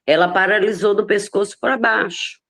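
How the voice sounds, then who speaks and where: Woman, mid-pitched voice, earnest measured telling over a video call. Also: vocal fry, a bit bright. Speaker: study group member. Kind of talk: casual chat.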